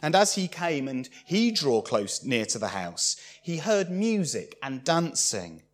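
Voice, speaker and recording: A man preaching a sermon, expressive and acting out the lines he quotes. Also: a little high, unhurried.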